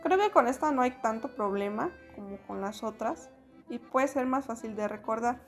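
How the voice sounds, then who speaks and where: A woman explains a lesson in a slightly high voice, patient and unhurried, pausing on fillers as she goes. Soft music plays faintly behind her. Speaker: French teacher. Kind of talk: spoken lesson.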